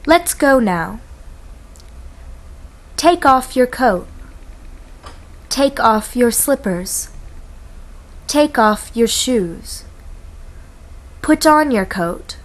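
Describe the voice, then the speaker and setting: Woman, high voice, reading short classroom commands very slowly, with careful articulation. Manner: slow, clearly articulated, pausing after each phrase. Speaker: English instruction reader.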